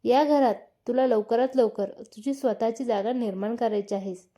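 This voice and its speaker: A grave, kindly old father-in-law who gives slow, serious advice, as a woman reads him out. The voice is warm and mellow. He is heard in a spoken storybook. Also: a little high, steady tone, close to an everyday voice. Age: older.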